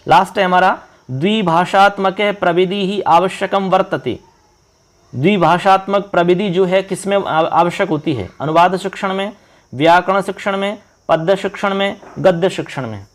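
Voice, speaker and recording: Male online tutor from India, a touch high-pitched, quizzes viewers on each question. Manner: quizzing viewers, reading options slowly. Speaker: exam-prep teacher. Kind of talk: online exam-prep lesson.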